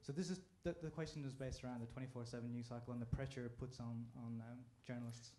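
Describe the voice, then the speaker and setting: A man's voice: medium pitch, steady tone, fast, warm tone. Hesitant man asking from the floor. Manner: hesitant, many fillers. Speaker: audience member asking a question. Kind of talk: question from the floor. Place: conference hall.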